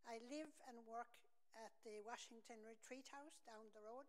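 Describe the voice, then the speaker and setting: A woman's voice: fairly high pitch, moderate pace. Woman on retreat house staff, playful and teasing, her voice trailing in a long hall reverb. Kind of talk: self-introduction at a meeting.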